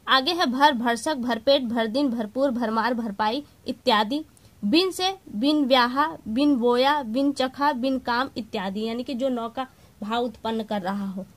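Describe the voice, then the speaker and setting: Female teacher, high voice, explanatory online lesson, reads out word lists for students. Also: unhurried. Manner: explanatory, reads word lists aloud, addresses viewers as friends. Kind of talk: exam-prep grammar lesson.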